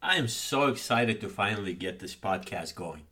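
Low-voiced man. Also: lively intonation, moderate pace, sharp tone, slightly rough, faint music behind. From Baku, Azerbaijan. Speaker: podcast co-host, business consultant. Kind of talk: conversational podcast introduction.

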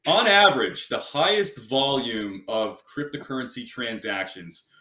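A mid-range male voice, expressive and measured, comes across pushed and bright as he hosts an interview. His turns run long and wander, stuffed with "you know" fillers, and the sound is roomy.

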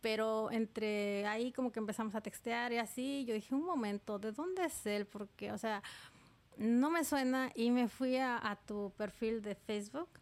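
A woman from Mexico talks as a podcast guest in an easy, conversational way. She leans on loose fillers as she tells her side. Her voice sits a little high. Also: steady tone, measured pace. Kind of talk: casual interview chat.

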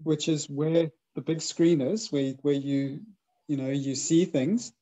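The recording is low quality, capturing a man with a slightly high, steady voice who speaks slowly. As a podcast host in a spiritual conversation, he earnestly agrees, murmurs soft affirmations, and reflects on energy and healing.

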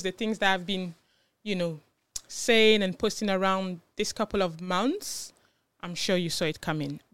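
A woman in her thirties, originally from Ghana, opens her own podcast with bubbly excitement. Her lowish voice is smooth and unhurried. The sound is close and dry. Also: no echo. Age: 30s. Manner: bubbly and excited, with laughs and fillers. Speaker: podcast host. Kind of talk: casual solo podcast intro.

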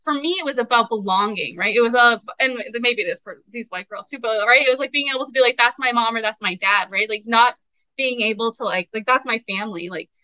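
A young woman with a bright, forceful, fairly high voice talks through a casual podcast chat, emotional and rambling, full of filler words. The sound is dry and slightly dull, like a lo-fi home recording. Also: fast, dry recording. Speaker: podcast co-host.

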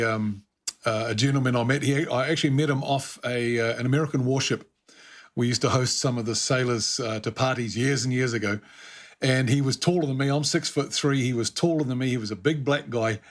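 A man's voice: medium pitch, fairly even intonation, fairly quick. A man in casual conversation about faith, chatting easily and telling a personal anecdote.

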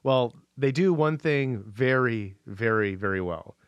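A man's voice: medium pitch, expressive, unhurried, dry recording, muffled recording. A man from the US Pacific Northwest co-hosting a podcast in easygoing, rambling casual chat. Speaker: podcast co-host.

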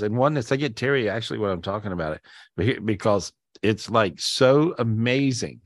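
A man's voice: mid-range voice, fairly bright tone, dry recording, studio quality. A man hosting a live spiritual talk over a video call. He speaks casually and enthusiastically, repeats himself, and often restarts his sentences. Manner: chatty and repetitive, many restarts with "and so"; enthusiastic, drawn-out emphatic words. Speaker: spiritual teacher and podcast host.

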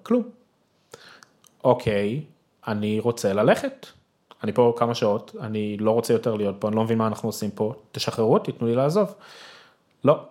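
A young man, a podcast guest, telling a personal story with emotion and acting out his own past shouts. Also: lowish voice, very animated, long pauses.

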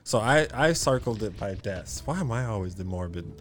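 A man's voice: fairly low pitch, animated, normal speed, soft background music. A man co-hosting a casual podcast chat, joking and laughing at his own remarks. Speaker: podcast co-host.

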